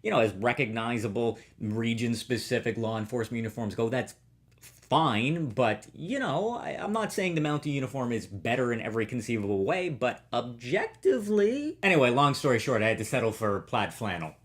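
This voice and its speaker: A man's voice: medium pitch, sing-song, brisk. A man hosting a scripted toy review, playful and full of jokey asides.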